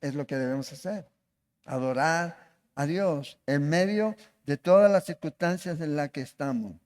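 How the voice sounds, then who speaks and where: A man preaches as pastor in a church hall, his voice fairly high, slightly slow and darkish in tone. He questions the congregation as he goes, and the hall's long reverb fills the recording.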